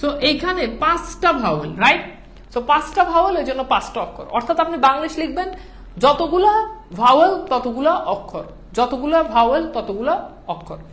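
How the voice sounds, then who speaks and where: High-voiced Bangladeshi woman teaching online. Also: big pitch swings, a little fast, fairly bright tone. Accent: Bangladeshi Bengali. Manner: patient, repeats points, checks on students often. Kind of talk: online class lecture.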